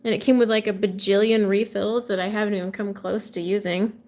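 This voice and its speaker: A woman's voice: medium pitch, flat delivery, fairly quick, a little mellow. A woman, chatting casually with viewers on a livestream and answering their comments. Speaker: livestream host coloring with viewers. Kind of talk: casual chat while coloring.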